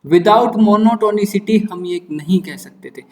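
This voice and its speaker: A man's voice: sits high, slow pace, roomy sound, big-room sound, far from the mic. A man teaching a maths lesson online. He explains each step, mixes English terms into his speech and puts questions to his students.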